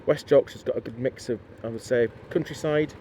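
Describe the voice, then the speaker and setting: Chatty Northern English biker. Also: male voice, mid-range voice, brisk, dark tone. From Lancashire, England. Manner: chatty, rambling, blunt. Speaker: motorcycle vlogger. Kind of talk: casual talk while riding. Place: outdoors riding a motorcycle in the cold. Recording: faint road and traffic noise.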